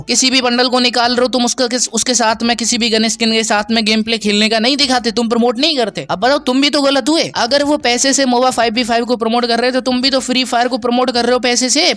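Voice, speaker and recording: A man's voice: very high-pitched, sharp tone. A young man hosting a gaming channel, delivering a heated, sarcastic commentary rant that lectures his viewers and keeps calling them brother.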